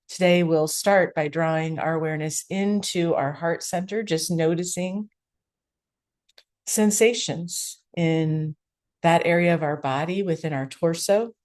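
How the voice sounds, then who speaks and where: With a fairly low-pitched voice, this woman teaches a guided meditation. Her instructions are gentle and unhurried, broken up by long pauses.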